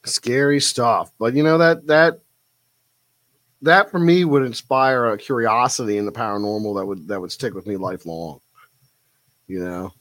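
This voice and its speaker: A man's voice: on the low side, moderate pace, pauses often, fairly bright tone, no echo. A man hosting a live stream, reading out viewer comments and musing on them in a thoughtful, casual way. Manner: thoughtful, reflective, with frequent fillers. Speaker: livestream host.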